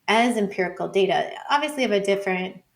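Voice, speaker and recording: On an interview show, a woman guest who teaches urban studies and planning explains her subject in relaxed, conversational phrasing, often softening points with "like" and "sort of." She speaks quickly and expressively in a mid-range voice, staying thoughtful throughout.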